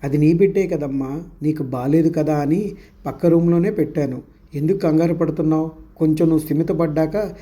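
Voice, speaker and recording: A man's voice: fairly high pitch, fairly quick, warm tone, voice pushed up, close to an everyday voice. A man voicing a worried middle-aged village mother, anxious and pleading.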